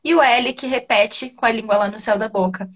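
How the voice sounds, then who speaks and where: A woman's voice: on the high side, a little fast. A woman with a Brazilian accent co-teaching a live English class, patiently explaining pronunciation step by step. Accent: Brazilian Portuguese.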